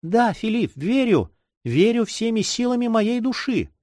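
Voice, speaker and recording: A man's voice: extremely high pitch, very animated, measured pace, darkish tone, no room sound, studio quality, pitched above the performer's own voice, full character voice. A man reading a timid, sad sixteen-year-old girl in an audiobook, with a sorrowful, trembling manner.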